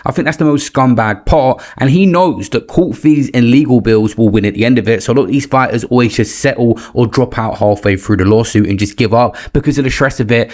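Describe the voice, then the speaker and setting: Blunt male documentary narrator. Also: medium pitch.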